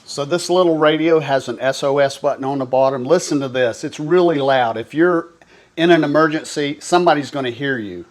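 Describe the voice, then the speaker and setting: Speaking a little fast in a voice on the high side, a man from coastal North Carolina gives a casual product demo straight to camera as a reviewer.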